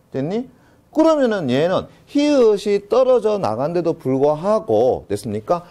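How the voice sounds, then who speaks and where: A man's voice: mid-range voice, mellow. A male teacher giving a grammar lecture, often checking in with students and answering his own questions, drawing out key terms. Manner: constant check-in questions, answers them himself; drawn-out stressed key terms.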